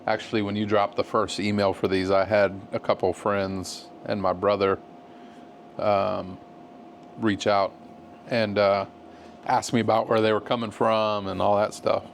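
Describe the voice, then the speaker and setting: A man in a laid-back, halting conversation, giving a casual review as co-host of a cigar show. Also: on the low side, little pitch movement, vocal fry, a little hiss or hum.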